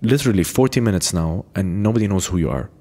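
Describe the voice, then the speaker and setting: A man's voice: low voice, animated, quick pace, darkish tone. A male podcast host chatting casually, teasing his guest and often stopping to restart his sentences. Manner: teasing, hesitant with many restarts. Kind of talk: casual interview chat. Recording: echoey room with long reverb.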